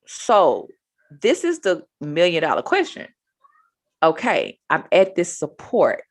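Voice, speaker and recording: Low-voiced chatty woman teaching trading. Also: wildly swooping pitch, takes it slowly. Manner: chatty, repeats "right?" to the viewer. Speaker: trading educator. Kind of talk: casual screen-share trading lesson.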